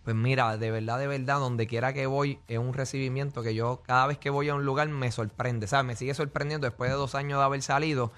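A man with a Puerto Rican accent, a preacher guest on a radio interview, who speaks haltingly and often fills with "verdad" and "este". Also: medium pitch, steady tone, fairly bright tone. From Puerto Rico.

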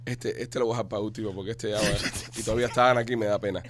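A male co-host briskly calling out sponsor names, addresses and phone numbers in teasing, casual banter. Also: on the low side, steady tone, slight background noise.

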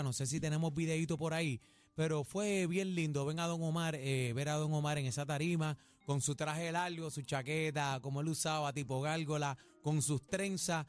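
A Puerto Rican man hosting a radio show, chatting about celebrity gossip in an animated, slangy way. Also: on the high side. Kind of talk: casual gossip chat. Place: radio studio.

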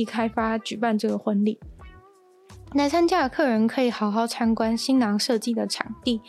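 A woman hosting a podcast, reading offbeat news stories in an even, conversational way with light asides. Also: on the high side. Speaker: podcast host. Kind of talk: scripted news-roundup narration.

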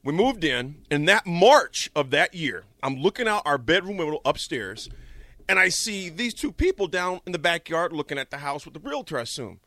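A man's voice: fairly high pitch, normal speed, no room sound. A middle-aged man hosting a radio show in a studio, telling stories with jokes and frequent laughter. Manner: animated, jokey storyteller who laughs a lot. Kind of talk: lively radio talk.

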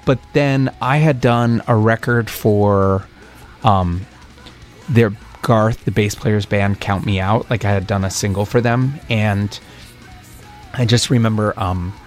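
A man, a recording engineer and producer, chatting as an interview guest and telling excited, rambling stories. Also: on the low side, a little slow, soft background music. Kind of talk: casual interview chat.

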